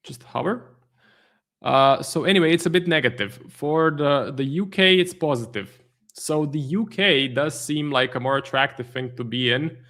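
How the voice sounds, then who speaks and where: A man's voice: a little high, normal speed, fairly bright tone. A man, a trading stream host giving live market commentary, thinking aloud with many fillers and restarts. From Croatia.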